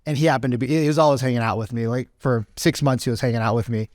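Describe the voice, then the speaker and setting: A man's voice: mid-range voice, fairly even intonation, fast talker, darkish tone, no room sound, clean studio sound. A man in his thirties, a podcast guest, telling a casual story and rambling with lots of "right?" and "like.".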